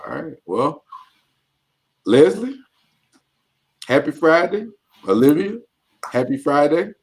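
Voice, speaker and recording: A man's voice: on the high side, sing-song, takes it slowly, darkish tone, breathy edge. Upbeat playful male co-host. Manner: upbeat, playful, wraps up the show. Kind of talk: casual podcast chat.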